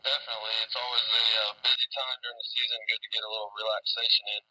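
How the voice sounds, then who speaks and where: A man asks relaxed, easygoing questions on a poor-quality recording. His voice is sharp and very bright but husky, and he sounds set back from the microphone. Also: fairly low pitch, racing, far from the mic. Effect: poor-quality recorded audio. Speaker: interviewer. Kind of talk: casual interview. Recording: poor-quality audio, voice off-mic.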